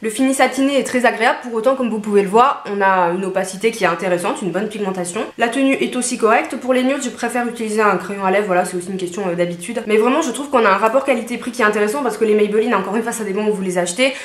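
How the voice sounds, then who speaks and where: A woman's voice: mid-range voice, very fast, hardly any pauses, reverberant. A woman reviewing beauty products in a chatty, casual vlog from her home, with frequent fillers and asides. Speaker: beauty vlogger.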